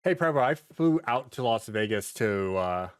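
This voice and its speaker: A man co-hosts a podcast with casual, blunt chat, swearing a lot and repeating words as he shares anecdotes and opinions. His mid-range voice is clear and resonant, with lively intonation and a moderate pace. The recording is dry and clean, with studio sound.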